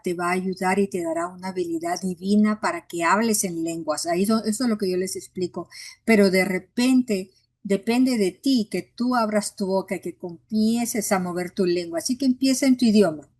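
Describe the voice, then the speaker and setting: A woman's voice: mid-range voice, darkish tone, no echo. A woman pastor teaching a Bible class in an earnest, encouraging way, acting out how she coaches people in prayer.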